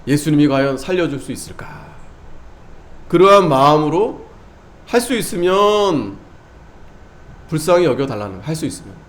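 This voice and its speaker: A man preaching a sermon as pastor. He repeats key phrases emphatically and swings between loud exhortation and hushed asides. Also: fairly high pitch, expressive, moderate pace, long pauses.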